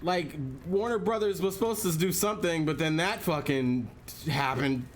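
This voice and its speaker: A man's voice: fairly high pitch, normal speed, faint music behind. A man streaming a video game, chatting casually and joking, laughing often and echoing his co-host. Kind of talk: casual chat over gameplay.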